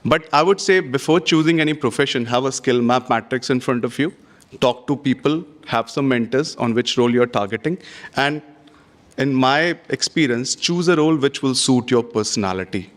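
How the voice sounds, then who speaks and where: A man's voice: mid-range voice, normal speed. A man speaking on a conference panel, giving earnest, advice-heavy answers with frequent "you know" and "having said that". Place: conference stage.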